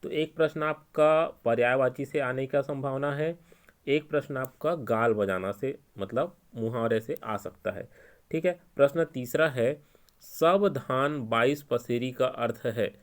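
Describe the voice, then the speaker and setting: A man's voice: mid-range voice, measured pace. A man with a Chhattisgarhi Hindi accent teaching an exam-prep lesson, explaining each answer step by step and repeating the key points.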